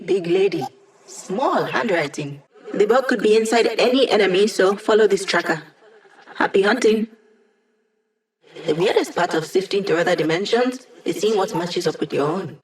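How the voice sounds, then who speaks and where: A woman's voice: mid-range voice, expressive, normal speed, close to an everyday voice, rough recording. An actress playing a young female hacker in a video game, with wry, casual, teasing, tech-savvy banter. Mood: dry, low-key. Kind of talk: video game character dialogue.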